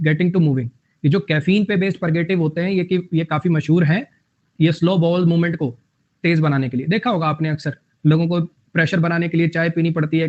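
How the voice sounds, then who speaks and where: A young man teaching a vocabulary lesson, repeating phrases and making up jokey memory tricks. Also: a little high. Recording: dull lo-fi audio.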